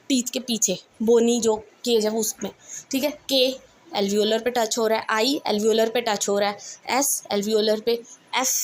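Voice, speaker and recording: A woman's voice: a little high, a little hiss or hum. A woman teaching an English revision lesson with an Indian English accent, mixing English terms into her explanations and often checking with "right?". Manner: mixes English terms into explanations, repeats "theek hai ji" and "right?". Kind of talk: exam revision lecture.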